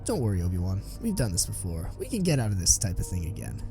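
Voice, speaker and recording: A man voicing a brash young male Jedi knight who talks in a quick, flippant way. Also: low-pitched, wildly swooping pitch, warm tone, soft background music, voice pushed down, full character voice. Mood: wry.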